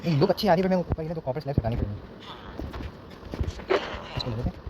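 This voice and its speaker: A young man gives relaxed, chatty commentary while he builds in a game. He counts blocks under his breath and slips English words into his sentences, with a steady hum of noise behind him. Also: on the high side, quick pace, dull audio. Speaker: gaming streamer. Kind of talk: casual gameplay commentary. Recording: noticeable background noise.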